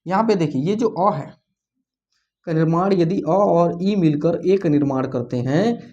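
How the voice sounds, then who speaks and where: A teacher giving an online exam-prep lesson, who asks questions and answers them, repeats key points, and slowly sounds out each vowel. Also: mid-range voice, dark tone, highs cut off. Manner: slows down to say the vowel sounds out clearly. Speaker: Hindi grammar teacher.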